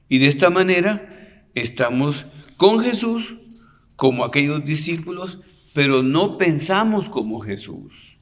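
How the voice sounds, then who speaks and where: A man who is a priest, giving a retreat sermon as a storyteller. He often adds a questioning "¿verdad?" and drops to a near whisper at touching moments. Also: medium pitch. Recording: long reverb of a large hall.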